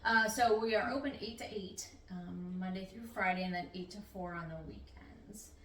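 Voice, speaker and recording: In a fairly bright, mid-range voice at normal speed, a middle-aged nurse practitioner responds to an interview, talkative and relaxed, drifting off topic a little. A distant mic captures her in a roomy space with faint background noise.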